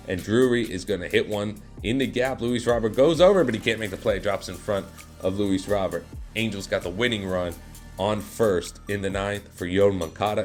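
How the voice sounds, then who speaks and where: A man giving play-by-play commentary over his own video game, excitable and quick to jump up loud at big moments, his voice a little worn. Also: lowish voice. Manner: excitable, voice jumps up and gets loud at big plays. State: losing his voice. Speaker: gaming YouTuber.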